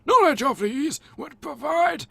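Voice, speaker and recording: Man voicing an old wizard mentor in a game, high reedy old-man voice, rambling and absent-minded, dry throat. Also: lively intonation, unhurried, gravelly, pushed and bright, no room sound, full character voice. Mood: wise.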